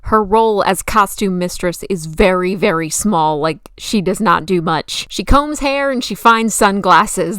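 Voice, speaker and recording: Female video essayist, mid-pitched and smooth, gushing and opinionated, chatty film commentary, very dry close sound. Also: fairly bright tone, dry recording. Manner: gushing, emphatic, casually opinionated. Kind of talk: enthusiastic film commentary, conversational.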